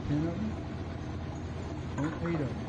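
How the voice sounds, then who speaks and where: At a noisy outdoor tractor pull with vehicle sounds around him, a man provides casual live commentary, folksy and informal, thinking aloud like an announcer. His voice is fairly high and animated at a moderate pace, though the recording is muffled.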